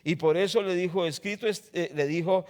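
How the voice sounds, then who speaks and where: A man with a Colombian accent preaching a sermon as pastor, rising loud on scripture quotes and dropping low to explain, often asking the congregation rhetorical questions. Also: fairly quick. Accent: Colombian Spanish. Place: church.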